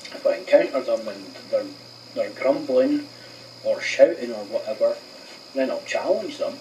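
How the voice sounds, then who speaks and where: A man speaking slowly and hesitantly in a clip replayed inside a response video. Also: medium pitch, animated, warm tone. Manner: slow, halting, hesitant. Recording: distant mic with faint hiss, replayed clip.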